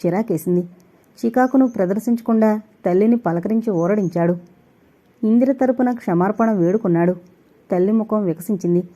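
Woman narrator, audiobook reading, mellow dark tone, dull lo-fi sound. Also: mid-range voice. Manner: reads all characters, rising louder in quarrels. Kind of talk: scripted novel narration with voiced dialogue.

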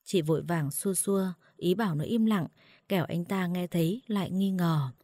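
Woman storyteller, low pitch, slow mournful narration, dry close sound. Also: dark tone, no echo. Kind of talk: late-night story narration.

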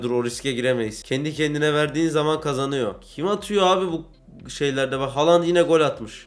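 Excitable young man in his twenties. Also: a little high. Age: 20s. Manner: excitable, jokey, swings into loud outbursts. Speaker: gaming YouTuber. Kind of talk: energetic gameplay commentary.

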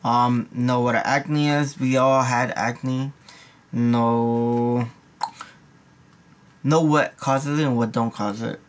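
A man's voice: mid-range voice, fairly even intonation, takes it slowly, long pauses, a little hiss or hum. A young man and nursing student giving a casual, rambling exam review, full of slang and repeated asides. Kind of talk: casual study review vlog.

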